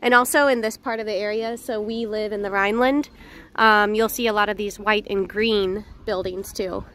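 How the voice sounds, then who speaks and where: A woman vlogging casually while walking outdoors through an old town, chatty and slightly hoarse, with lots of fillers. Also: medium pitch, fairly even intonation, moderate pace, a bit bright, a little hiss or hum. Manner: chatty, laughs often, hesitant fillers. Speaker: travel vlogger.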